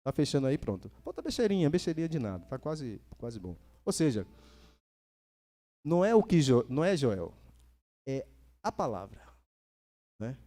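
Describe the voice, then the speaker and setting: A man from Brazil preaching a sermon in a church, lively, repeating phrases for emphasis and asking the congregation questions. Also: medium pitch, normal speed, pauses often.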